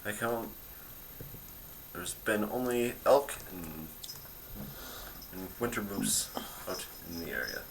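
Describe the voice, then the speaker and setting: A man voicing a calm, guarded mother bear. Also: on the low side, slow pace, pauses often, a little hiss or hum, rough recording. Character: wary mother bear protecting her family.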